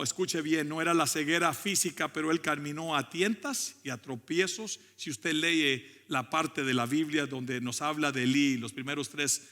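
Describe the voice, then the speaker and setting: Middle-aged male pastor, forceful preaching with congregational asides, big church echo. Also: a little high. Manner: preaching with call-and-response asides, switching into English. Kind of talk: bilingual church sermon. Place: church sanctuary. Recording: long church hall reverb.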